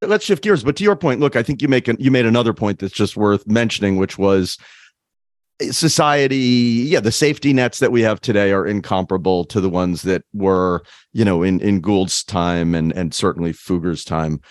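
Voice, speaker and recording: A male podcast host asking questions in a halting way, with many restarts and fillers. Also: fairly low pitch, dry recording, clean studio sound. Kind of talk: podcast interview conversation.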